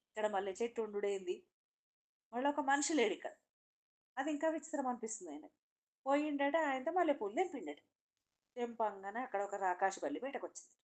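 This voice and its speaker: A woman, telling a bedtime folk tale in a lively way and voicing each character. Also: on the high side. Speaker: storyteller.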